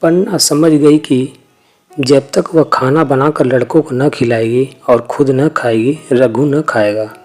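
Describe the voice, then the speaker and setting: A man narrating a classic short story in a measured, even storytelling manner. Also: mid-range voice, soft background music.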